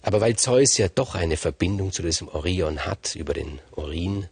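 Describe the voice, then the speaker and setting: A man retelling a Greek myth in a lively, conversational way with emphatic asides. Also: low voice, moderate pace, breathy edge, no echo. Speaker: storyteller. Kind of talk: freely told myth narration.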